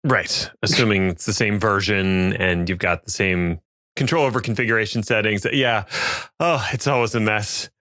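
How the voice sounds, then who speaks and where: A man's voice: lowish voice, fairly even intonation, normal speed, pushed and bright, dry recording, studio quality. A man hosting a casual tech podcast, chatting and posing questions to his colleagues. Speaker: podcast host.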